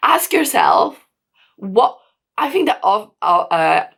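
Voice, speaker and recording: A hoarse woman giving a casual review of a TV show, rambling and pleading with frequent restarts, a little short of breath. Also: mid-range voice, sing-song, slow, fairly bright tone. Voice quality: gravelly, creaky. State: hoarse, croaky voice.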